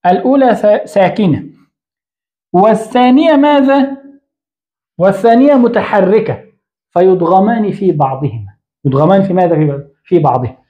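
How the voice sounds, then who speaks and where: A man's voice: high-pitched, expressive, normal speed, pauses often, narrow, tinny audio. A man teaching Arabic grammar in an online lesson. He writes on a board as he explains, asks the learner a question, answers it himself, and often corrects his own slips.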